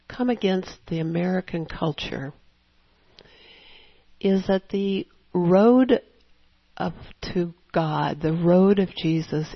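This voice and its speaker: A woman preaching a sermon in a conversational, storytelling way with animated asides. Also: lowish voice, gravelly, breathy edge, no room sound, muffled recording.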